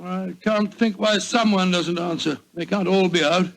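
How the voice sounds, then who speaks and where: An actor playing a genial, blustering middle-aged British doctor in a 1940s radio drama. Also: male voice, high-pitched, steady tone, normal speed, gravelly. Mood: puzzled. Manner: hearty, avuncular, blustering. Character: genial, blustering English doctor, the detective's loyal companion. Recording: old 1940s radio recording, faint noise.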